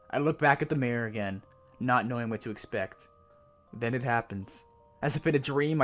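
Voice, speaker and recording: A man playing a haunted, increasingly frightened narrator of a first-person horror story, reading it in a measured, suspenseful way. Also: medium pitch, natural voice.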